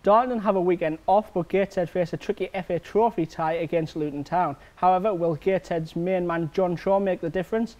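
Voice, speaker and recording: A male presenter reads the week's sports news from a script. His voice sits high, and he keeps an even, steady delivery. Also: fairly quick, few pauses, dull audio.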